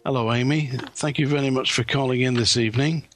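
A man hosting a live call-in psychic radio show, giving readings in a halting way with repeated words. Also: mid-range voice, fairly even intonation, a bit bright.

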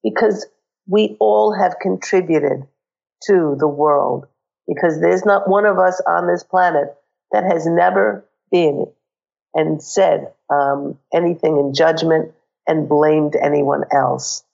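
A woman hosting a spiritual radio show, hoarse with a cold and croaky, speaking in an earnest, uplifting way. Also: deep voice, steady tone, slow pace, darkish tone, dull audio.

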